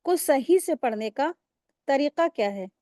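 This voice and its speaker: A woman's voice: sits high, animated, measured pace, mellow, no echo, studio quality. A woman teaching Quran recitation rules, explaining patiently step by step and drawing out example words. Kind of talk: tajweed lesson with slow drawn-out recitation examples.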